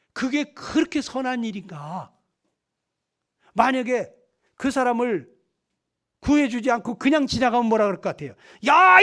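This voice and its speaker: A man preaching a gospel meeting sermon, emphatic and constantly prodding listeners with rhetorical questions. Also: extremely high pitch. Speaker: lay preacher.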